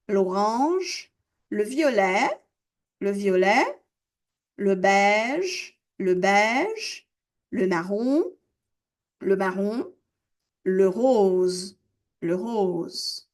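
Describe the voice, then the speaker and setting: A woman teaching French to beginners, slowly repeating each word and explaining its pronunciation. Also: medium pitch. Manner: slow, deliberate pronunciation drills, repeating words. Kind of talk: slow, careful language lesson.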